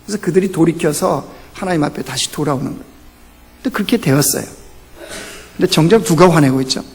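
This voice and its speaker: A man preaching a Sunday sermon as pastor, asking rhetorical questions, climbing to emphatic peaks and then dropping low. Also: quick pace, creaky, darkish tone. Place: church sanctuary. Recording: church hall reverb.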